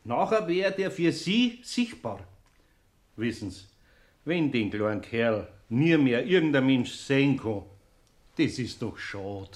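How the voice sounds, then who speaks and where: An older man with a Bavarian accent playing a kindly master carpenter in a radio play, slow and soft-spoken. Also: mid-range voice, sing-song. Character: kindly old master carpenter, gentle and patient. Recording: roomy studio recording.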